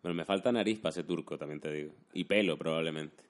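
A man's voice: rumbling low, fast. A man talking casually and colloquially, often adding tag questions. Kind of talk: casual chat, anecdotes.

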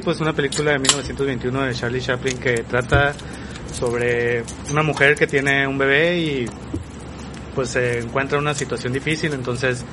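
Mexican guy on a podcast, rambling casual explanation, mid pitch, noisy outside in the city. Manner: informal, meandering explanation with tag questions. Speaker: podcast panelist. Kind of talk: casual film synopsis in conversation. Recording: noisy outdoor city ambience.

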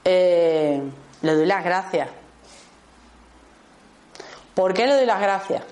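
A woman with a Spanish accent, teaching a small group in a lively way, acting out short exchanges and often checking in with her listeners. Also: on the low side, slow pace. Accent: Spanish from Spain. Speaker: workshop teacher.

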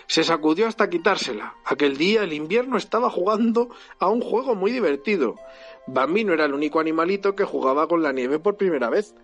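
A man's voice: fairly high pitch, fairly quick, faint music behind. Man reading a storybook aloud. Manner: animated, expressive bedtime-story reading. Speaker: father reading to his child.

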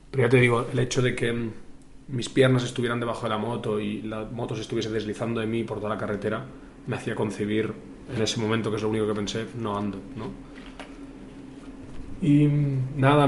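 A young man from Spain, hosting a podcast and telling a personal story in a thoughtful way, with many pauses and fillers, talking straight to the listener. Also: mid-range voice, darkish tone, slight background noise. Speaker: podcast host. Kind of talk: reflective personal monologue.

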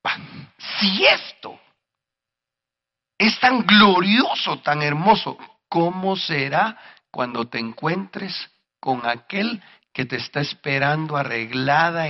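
A male pastor preaching a sermon, speaking directly to the congregation and rising to shouts at his peaks. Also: fairly high pitch, animated, takes it slowly, gravelly, highs cut off.

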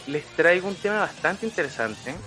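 Chilean man with a higher-pitched voice. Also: animated, moderate pace, pushed and bright, soft background music. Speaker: podcast co-host. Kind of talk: casual chat.

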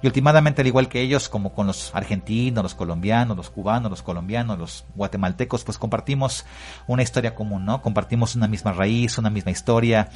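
A man's voice: lowish voice, brisk, darkish tone, faint music behind. A Mexican man, a guest musician, talking at length in a casual radio interview with many filler words. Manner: talks freely and at length, with many "pues" and "este".

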